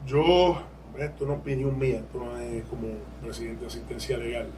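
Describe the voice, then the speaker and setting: A man's voice: medium pitch, fairly even intonation, brisk, darkish tone, recorded from a distance, slight background noise, low-quality recording. A man with a Puerto Rican accent, a lawyer speaking as a podcast guest, candid and digressive, laughing as he explains. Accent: Puerto Rican Spanish. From Puerto Rico. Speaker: lawyer and legal aid board president, guest. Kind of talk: podcast interview.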